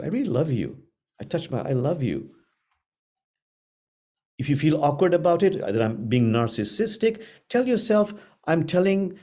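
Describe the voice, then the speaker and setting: A middle-aged man leads a spiritual class in a mellow, warm voice. His pitch rises and falls in a lively way, and he talks slowly and earnestly, repeating phrases with long pauses between them. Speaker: spiritual teacher. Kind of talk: gentle spiritual class talk.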